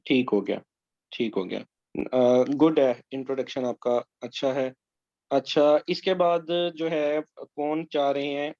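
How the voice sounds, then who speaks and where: A man's voice: medium pitch, steady tone, unhurried, dark tone, dry recording. A man coaching candidates in a mock interview over a video call, giving corrections. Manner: instructive, gives corrections. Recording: muffled online call audio.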